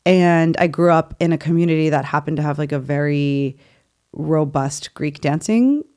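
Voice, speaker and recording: A woman's voice: deep voice, moderate pace, mellow. A woman in her thirties from Virginia, chatting playfully and openly as a podcast guest. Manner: chatty, playful, laughs easily. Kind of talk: casual interview chat.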